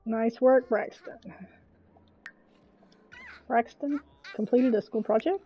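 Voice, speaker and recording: A woman's voice: a little high, slow, slightly rough, highs cut off. A woman streaming a game, chatting casually and coaxing her game characters, with mild swearing. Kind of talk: casual gameplay commentary.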